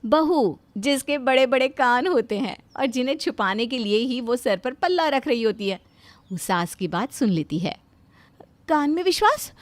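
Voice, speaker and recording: A woman narrates a cartoon story in a high, animated voice, with expressive storytelling. The sound is dry and close. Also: normal speed, no room sound.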